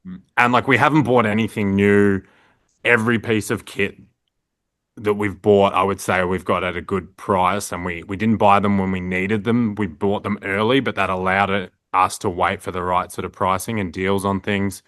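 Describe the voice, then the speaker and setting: A man's voice: lowish voice, flat delivery, moderate pace, fairly bright tone, no echo, studio quality. A young Australian man, a print shop owner, chatting casually in an interview, rambling with lots of fillers. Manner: rambling, filler-heavy, frequent "like".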